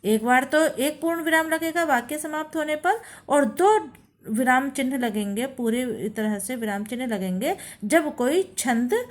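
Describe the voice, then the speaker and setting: A woman teaching a grammar lesson to students, explaining slowly and stressing each example phrase. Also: sits high, expressive. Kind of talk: classroom lesson.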